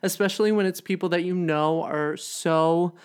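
Young woman, podcast co-host, casual chat, lots of "like", low voice. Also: normal speed, clear, resonant tone. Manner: chatty, lots of "like" fillers, animated quoting.

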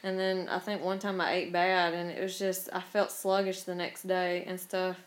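A woman's voice: fairly low pitch, little pitch movement, normal speed. A woman with a Southern US accent, chatting casually as a guest in an informal, down-to-earth way. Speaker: podcast guest, obstacle racer. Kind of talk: casual chat.

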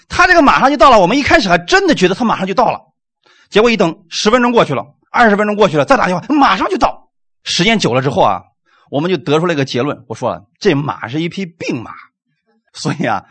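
A man preaching a sermon, animated and full of rhetorical questions, closing his points with "amen". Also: on the high side.

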